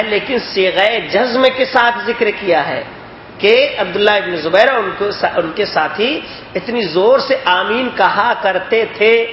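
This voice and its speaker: A man teaching a religious lesson, explaining points and asking his listeners if they understood. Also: sits high. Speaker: hadith teacher. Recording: echoey, dull lo-fi recording with faint noise.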